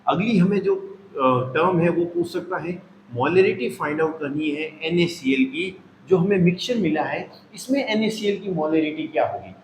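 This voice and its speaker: A man's voice: on the high side, expressive, normal speed. A man teaching a chemistry lesson, talking through each step aloud and repeating himself as he explains. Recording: echoey room with faint noise.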